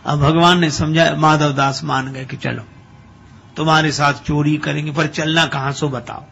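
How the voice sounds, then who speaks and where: A man narrating a devotional story in a lively way, chuckling as he goes. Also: on the high side, normal speed, gravelly, a little hiss or hum. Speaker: religious storyteller. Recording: dull lo-fi recording with faint ambience.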